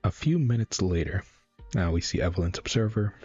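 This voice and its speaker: Low husky man on a live stream. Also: expressive, fairly quick, mellow, no echo, highs cut off, faint music behind. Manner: rambling, many fillers and restarts. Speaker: webcomic reaction streamer. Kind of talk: casual live reaction, reading panels aloud.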